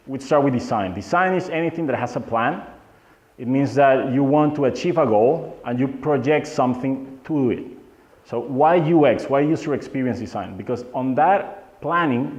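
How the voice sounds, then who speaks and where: A man's voice: mid-range voice, darkish tone. A young man from Venezuela, giving a live workshop lecture in loose English and quizzing his audience. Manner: loose, non-native phrasing, asks the audience questions. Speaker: workshop speaker. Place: meetup hall. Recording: roomy, muffled hall recording.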